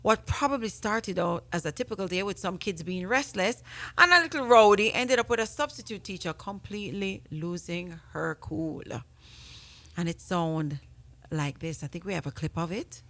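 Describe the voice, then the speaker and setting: A woman's voice: fairly low pitch, moderate pace, a bit bright. A woman from Jamaica co-hosting a radio show, chatty and frank. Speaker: radio co-host. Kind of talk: casual radio chat.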